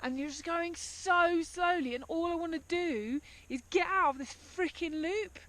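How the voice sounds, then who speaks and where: A woman's voice: very high-pitched, measured pace, fairly bright tone. A woman recording a video diary on a cycling trip, worn out and with a blocked nose, talking in a tired, joking, chatty way.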